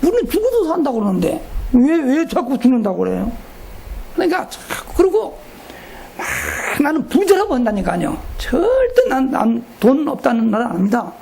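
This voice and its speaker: A man's voice: very high-pitched, huge pitch swings, moderate pace, creaky, mellow, slight background noise. A middle-aged male pastor giving a folksy, joking retreat sermon and asking the congregation questions.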